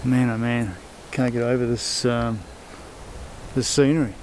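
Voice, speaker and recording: A middle-aged man from Australia, chatting in a relaxed way while driving a van for a travel vlog. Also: mid-range voice, a little slow, poor audio. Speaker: travel vlogger. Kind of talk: casual travel vlog chat. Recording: clear road noise in a van. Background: road and engine noise.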